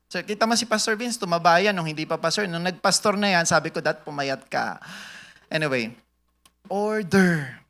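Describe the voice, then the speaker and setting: Bright-voiced joking preacher man. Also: high-pitched. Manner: joking, laughs at own jokes, quizzes the audience; switches between Tagalog and English mid-sentence. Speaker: church speaker at a business talk. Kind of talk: sermon-style talk to a live audience.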